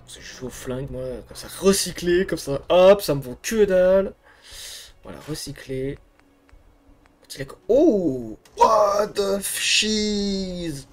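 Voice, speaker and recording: An excitable man gives casual let's-play commentary, muttering and swearing under his breath, then jumping up into loud bursts. His pitch swings widely, and faint game music plays behind him. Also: measured pace. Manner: excitable, swears, mutters to himself between shouts. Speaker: gamer streamer.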